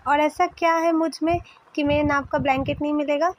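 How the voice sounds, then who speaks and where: A woman's voice: high-pitched, fairly even intonation, brisk, natural voice. A woman voicing a tall, dramatic young man who complains with mock hurt in a storybook dub. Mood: sulking.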